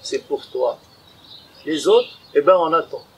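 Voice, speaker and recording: A man delivers a spiritual lecture, his voice sitting a little high for a man. He talks in an animated way, acting out small inner dialogues and calling his listeners habibi. Faint noise hangs behind him. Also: a little slow, gravelly, rough recording. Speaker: conference speaker.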